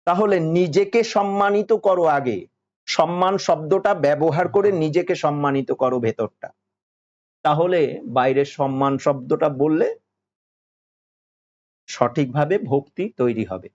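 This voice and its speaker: A man with a Bengali accent giving a devotional sermon, slow and insistent, repeating phrases and singing verses. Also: fairly high pitch, a little mellow, lo-fi sound. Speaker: spiritual teacher.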